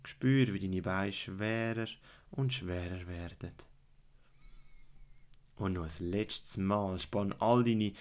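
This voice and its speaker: Man, Swiss German accent, lowish pitch, sleep story narrator, soothing guided relaxation, repeated gentle instructions. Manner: soothing, slow instructions with repetition, at times dropping to a hush.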